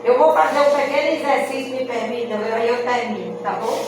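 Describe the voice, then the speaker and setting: Lady poet teaching verse, high voice, far off in a big echoey room. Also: fairly even intonation, a little fast, background noise. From Rio Grande do Norte, Brazil. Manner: explanatory, checks in with "não é?". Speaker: cordel poet and speaker. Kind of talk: lecture at a literary festival. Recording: echoey room, mic far off, music behind.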